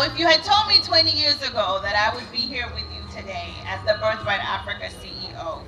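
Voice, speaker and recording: A woman's voice: mid-range voice, pushed and bright, a little hiss or hum, low-quality recording. A woman, giving an earnest prepared speech at a podium during an outdoor ceremony. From Sudan. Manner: earnest, measured public address. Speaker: organization CEO giving a speech. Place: outdoor event stage. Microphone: podium microphones.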